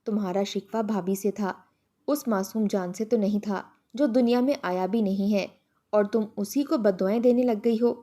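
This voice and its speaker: A woman's voice: mid-range voice, warm tone, natural voice. Woman reading as a grieving widowed mother. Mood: reproachful. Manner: pleading, sorrowful.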